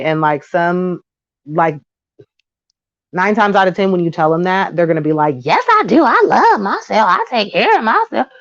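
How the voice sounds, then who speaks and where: A woman in her thirties giving a blunt, slangy opinion monologue to camera, animated and quick to slip into mocking voices. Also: deep voice, no room sound, muffled recording. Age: 30s. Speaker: vlogger.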